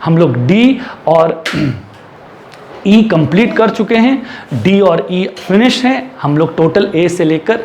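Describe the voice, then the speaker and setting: A man with an Indian English accent leads an English lesson, voice sitting high for a man. He spells out each rule slowly and carefully, then races through his explanations and drills the example words again and again. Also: lively intonation, darkish tone, slight background noise. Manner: reads English rules slowly and deliberately, then explains quickly in Hindi; repeats and drills words for learners. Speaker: English teacher. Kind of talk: classroom lesson mixing Hindi and English.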